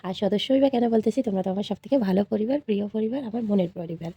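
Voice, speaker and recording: A woman's voice: medium pitch, very fast, slightly rough, muffled recording. A woman in her thirties, a mother, chatting casually to her viewers in a home vlog. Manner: chatty, talks straight to viewers. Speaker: vlogger, mother. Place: home, indoors.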